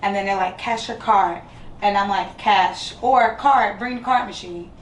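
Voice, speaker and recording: A woman's voice: medium pitch, measured pace. A woman from Georgia, a guest in a casual chat, talking in a chatty way full of "like". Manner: chatty, many fillers like "like". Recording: echoey room, far from mic, faint noise.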